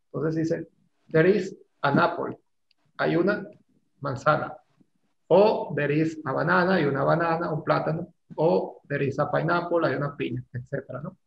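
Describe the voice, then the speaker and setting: Male teacher, fairly high gravelly voice, casual and teasing, echoey lo-fi room recording. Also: normal speed. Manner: casual, teasing, explains step by step. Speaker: English teacher. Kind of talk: online class lecture. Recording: echoey room, dull lo-fi sound, faint noise.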